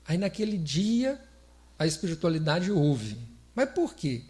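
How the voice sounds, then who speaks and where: Speaking unhurriedly in a fairly high, slightly mellow voice, this Brazilian man is very animated. He delivers a playful, conversational spiritist lecture in a spiritist center's lecture hall, frequently laughing and questioning the audience.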